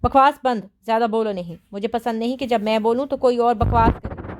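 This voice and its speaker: A woman putting on a rude young man, pushed down from her own fairly high voice into a cold, hard register. He threatens and sneers in measured, clipped lines. This is an audiobook character voice. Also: steady tone, background noise, natural voice. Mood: sneering. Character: rude, menacing young man, vengeful kidnapper.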